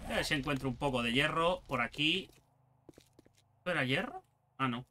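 A young man with a Spain Spanish accent giving excitable let's play commentary, talking to himself and the game and swearing casually. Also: fairly high pitch, normal speed, a little hiss or hum. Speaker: gaming channel host.

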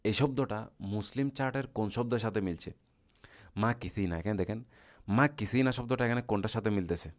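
A man's voice: on the low side, brisk. A man teaching Arabic grammar in a lecture, asking the class questions and answering them himself in a patient, repetitive way.

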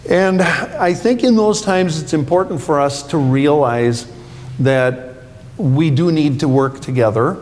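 A man's voice: fairly high pitch, measured pace, darkish tone. A man pastor giving a children's sermon, playful and full of questions for the kids. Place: church sanctuary. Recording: echoey church hall, faint hum.

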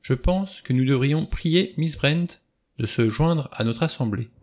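A man reading a novel aloud, voicing an elderly judge who speaks in a calm, formal, deliberate way. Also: medium pitch, pitched above the performer's own voice. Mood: measured.

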